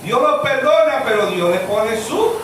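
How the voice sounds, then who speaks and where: A male pastor with a Zulian Venezuelan accent, preaching a sermon in which he swings from high shouted questions to low muttered asides. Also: expressive, measured pace, background noise. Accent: Zulian Venezuelan Spanish. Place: church hall. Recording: echoey church hall, mic far off.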